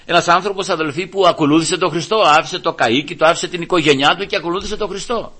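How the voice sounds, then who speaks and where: A man delivers a sermon in a bright, fairly high voice. He talks in a conversational way, keeps turning to his listeners as brothers, and sometimes slips into pleading voices to act out a story. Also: slightly rough. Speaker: preacher.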